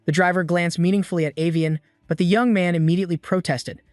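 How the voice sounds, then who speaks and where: A man reading a scripted story recap in a steady, even storytelling manner. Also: sits high, fast talker, no echo. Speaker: recap narrator. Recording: dry voice-over with soft music.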